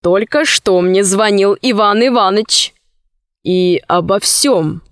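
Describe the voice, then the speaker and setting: A woman voicing a calm, unflustered father in a children's story, speaking in a measured way. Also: mid-range voice, no room sound, clean studio sound, voice pushed down.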